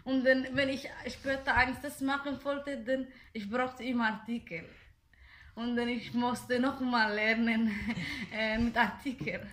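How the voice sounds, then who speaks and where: A woman's voice: fairly high pitch, steady tone, unhurried. Hesitant young woman. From Somalia. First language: Somali. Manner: hesitant, many fillers and restarts. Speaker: interviewee. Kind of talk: casual interview answers.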